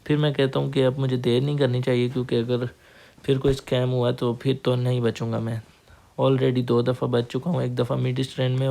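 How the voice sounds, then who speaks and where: A young man from Pakistan with a Pakistani accent, hoarse, narrating his own mobile game match step by step to viewers he calls guys. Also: mid-range voice, dark tone. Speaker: mobile gaming YouTuber. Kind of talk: gameplay commentary voice-over. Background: faint game gunfire.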